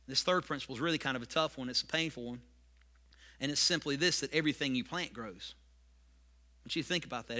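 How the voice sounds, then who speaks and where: A man preaching a sermon as pastor, with repetitive points that build to loud emphasis. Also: on the high side.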